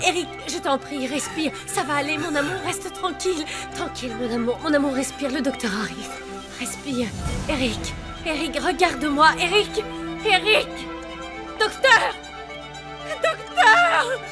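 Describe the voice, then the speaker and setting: An anxious middle-aged mother, very high-pitched and urgent, soothing and calling out by turns. Loud music sits under this dubbed telenovela scene.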